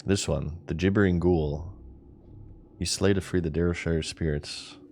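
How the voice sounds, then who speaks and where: A man's voice: sits low, fairly even intonation, unhurried, a little mellow, slight background noise. A man casually commenting on his gameplay as a streamer, chatting with viewers as he plays. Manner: chatty, talks to chat while playing. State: hiccuping.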